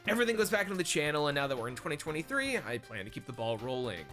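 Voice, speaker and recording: Lively, wry male game reviewer. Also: fairly high pitch, rapid-fire, soft background music. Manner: wry, joking asides. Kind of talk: scripted narration of a retro game review.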